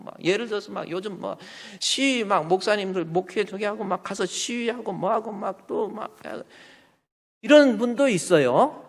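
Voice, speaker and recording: Pastor guy preaching in a big echoey church, gets loud and worked up, pretty high voice. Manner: animated, colloquial, rising to loud emphatic bursts. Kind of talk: sermon. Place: church sanctuary. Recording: long church reverb. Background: long hall reverb.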